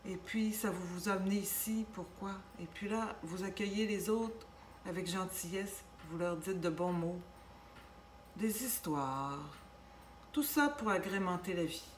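A woman with a Québécois accent giving a casual tarot reading, gentle and reassuring, with many fillers and restarts. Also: lowish voice, measured pace. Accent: Québécois French. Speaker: tarot reader. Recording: echoey room with faint background noise.

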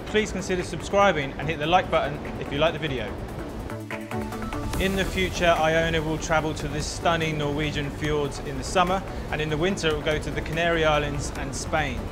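Upbeat man narrating a travel vlog. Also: fairly high pitch. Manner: upbeat, enthusiastic presenter. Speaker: travel vlogger. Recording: voice-over with loud music behind. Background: music.

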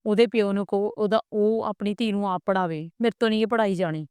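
Lady reading as a grumpy stingy son, curt, smooth dry voice. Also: mid-range voice, fairly even intonation, fast, a little mellow, no echo, natural voice. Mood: brusque. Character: gruff grown son, stingy and short-tempered.

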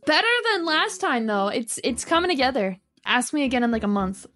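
A woman streaming games, excitable and giggly, with dramatic outbursts. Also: sits high, fairly quick, faint music behind. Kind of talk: casual gaming stream.

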